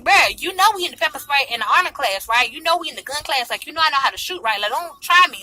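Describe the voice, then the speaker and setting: A woman tells a story casually from her car, with a very bright, forceful voice that moves quickly. A tongue piercing gives her a slight lisp. Her delivery is sassy, animated and full of slang. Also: sits high. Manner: slangy, sassy, mimics others' remarks. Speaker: vlogger telling a personal story. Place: inside a car in traffic. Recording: noisy car interior in traffic.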